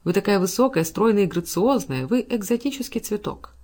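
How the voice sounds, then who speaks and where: Gentle wealthy middle-aged man, admiring, coaxing, audiobook figure, read by a woman. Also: mid-range voice, lively intonation, fairly quick, natural voice.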